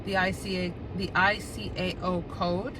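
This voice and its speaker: A woman's voice: fairly low pitch, flat delivery, unhurried, background noise. A woman with a Brooklyn New York accent reads a study guide aloud, spelling out acronyms and explaining casually to her listeners. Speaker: flight instruction presenter, pilot.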